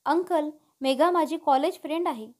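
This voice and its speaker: A woman voicing a lively, playful young woman in a storybook reading. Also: sits high, moderate pace, close to an everyday voice. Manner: playful, excited.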